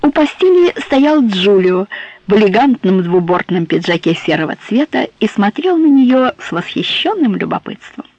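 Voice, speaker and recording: A woman narrating a novel aloud in a measured, even reading. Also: mid-range voice. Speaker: audiobook narrator. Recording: dull, dry close recording.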